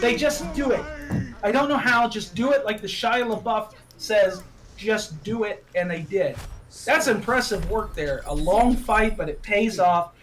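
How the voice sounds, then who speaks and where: A man doing play-by-play esports commentary, excitable and laughing at his own slips of the tongue. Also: high-pitched, unhurried, faint music behind. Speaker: esports caster. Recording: distant mic with background noise.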